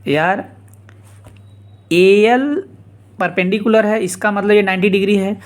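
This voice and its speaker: A man's voice: high-pitched, a little slow. A man teaching a geometry proof step by step, casually repeating each step and calling the listeners "yaar". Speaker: math teacher. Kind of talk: blackboard geometry lesson.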